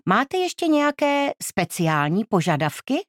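A woman's voice: on the high side, very animated, no echo, studio quality, voice pushed up. A woman doing a polite, elegant travel agent. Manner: polite, businesslike.

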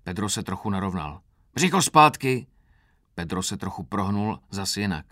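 Low-voiced man narrating a novel. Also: no echo, studio quality. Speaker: audiobook narrator. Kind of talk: first-person literary narration.

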